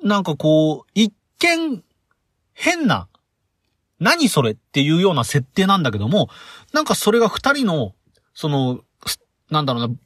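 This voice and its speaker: A man talks alone into the mic for his podcast, his voice slightly high for a man and very lively in pitch. He rambles casually with plenty of fillers. The sound is dry and close. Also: no room sound. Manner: animated, rambling with many fillers. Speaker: podcast host. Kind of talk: casual solo podcast commentary.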